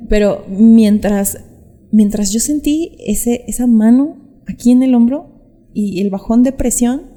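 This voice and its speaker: A woman's voice: a little high, mellow. Young woman, earnest storytelling, camera mic outdoors, reverberant sound. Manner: earnest, acts out quoted voices. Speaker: vlogger sharing her testimony. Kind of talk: emotional personal storytelling.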